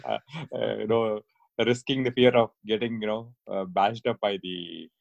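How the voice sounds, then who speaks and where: A man's voice: lowish voice, steady tone, moderate pace, gravelly, no echo, highs cut off. A man from India, a neurologist, chatting as a podcast guest, hesitant with many fillers and easy laughs. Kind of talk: casual interview chat.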